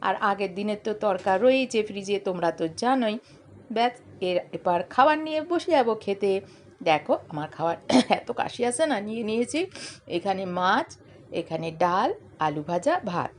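A middle-aged woman with a hoarse, coughing voice, chatting straight to her viewers in a casual daily vlog. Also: medium pitch, slight background noise. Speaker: vlogger.

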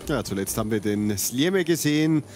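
A man's voice: mid-range voice, animated, normal speed, darkish tone, soft background music. A man commentating live at a ski event, reeling off race statistics in an informative way. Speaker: sports commentator.

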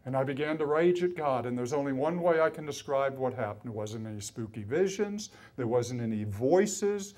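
A man's voice: medium pitch, normal speed, few pauses. A man in his fifties from the US East Coast, telling his life story as a conference speaker. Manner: storytelling, grows loud and excited, often laughing. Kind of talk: preaching testimony. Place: conference hall.

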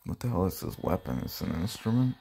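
A young man with a low, gravelly voice talks slowly through his game pulls, grumbling and complaining, then breaking into sudden yells. Faint music plays under him. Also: expressive. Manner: frustrated, grumbling, with sudden yelling outbursts. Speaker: gamer. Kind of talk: casual gacha pull commentary.

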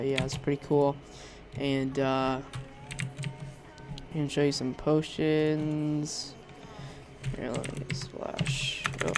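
A young male Minecraft YouTuber with a sore throat and a gravelly, medium-pitched voice gives casual gameplay commentary showing off a resource pack. He rambles and hesitates, with many ums and restarts.

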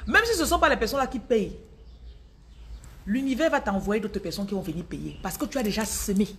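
A woman from Cameroon with a Cameroonian French accent, a business and spiritual coach talking casually to followers on a phone live stream. She speaks in a lively, direct way and repeats words for emphasis. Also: medium pitch, brisk.

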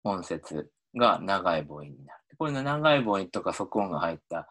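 A man with a very low voice gives a linguistics lesson over slides. His pitch swings widely as he explains, and he often pauses on fillers and restarts his sentences. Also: sing-song, fairly bright tone. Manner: hesitant, many fillers and restarts. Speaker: linguistics lecturer.

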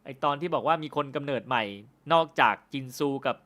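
A man hosting a film review channel, chatting casually with viewers on a live stream. He jokes, swears freely, and says he stumbles and stutters when he talks fast. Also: mid-range voice, fairly bright tone. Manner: loose and joking, with frequent swearing.

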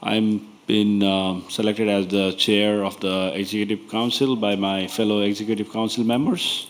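A man chairing a conference members meeting from a panel table, speaking in an unhurried, informal way. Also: lowish voice, fairly even intonation.

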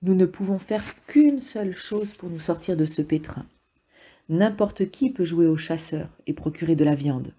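A woman reading the part of an earnest boy leader stranded on an island, pleading urgently in a husky, dark voice. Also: lowish voice, lively intonation, normal speed.

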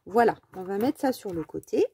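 A woman's voice: mid-range voice, animated, fairly quick, dark tone, a little hiss or hum. A French woman hosting a casual crafting tutorial, talking in a chatty, rambling way with many fillers.

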